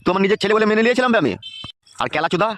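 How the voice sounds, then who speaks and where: A man's voice: sits high, animated, very fast. A man voicing an exasperated, foul-mouthed village father in a comic cartoon, ranting at his son. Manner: ranting, cursing. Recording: loud background music.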